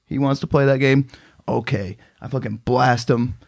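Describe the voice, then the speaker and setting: A man's voice: medium pitch, fairly even intonation, moderate pace, vocal fry. A man telling rambling stories on a casual podcast, full of fillers and swearing. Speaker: podcast co-host. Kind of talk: casual storytelling chat.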